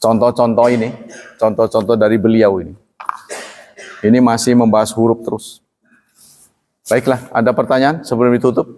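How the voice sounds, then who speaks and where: An older man teaching a recitation class, reading definitions aloud and slowly drawing out example words. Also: mid-range voice, steady tone, darkish tone. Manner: slow drawn-out demonstrations of Arabic recitation; reads definitions aloud, then explains casually. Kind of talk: classroom tajwid lesson. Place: mosque or study hall. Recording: reverberant hall.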